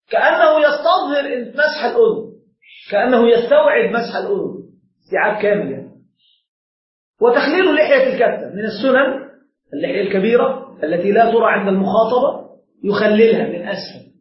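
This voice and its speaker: A man, a sheikh, explaining a religious text step by step and quizzing the seated students in front of him. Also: extremely high pitch. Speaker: sheikh teaching a religious lesson. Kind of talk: classroom lesson explaining a text. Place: lesson room with seated listeners. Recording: echoey room, dull lo-fi sound.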